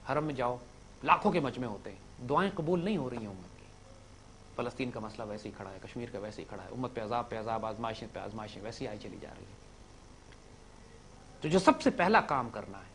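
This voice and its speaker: A man giving an impassioned lecture to young listeners, swinging from loud emphatic peaks to low drops and mixing in English words. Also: a little hiss or hum. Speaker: speaker addressing young listeners.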